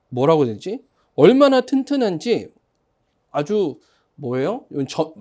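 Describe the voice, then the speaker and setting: Pastor for a church sermon: lively pitch, soft mellow tone, quizzes the congregation and leads them in repeating lines. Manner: questions the congregation and has them repeat phrases; storytelling, conversational with fillers.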